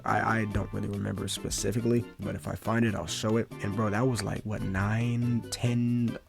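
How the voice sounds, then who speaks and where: A man's voice: on the low side, vocal fry, a little mellow. A young man giving casual, rambling commentary full of slang, calling everyone "bro". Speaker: commentary YouTuber.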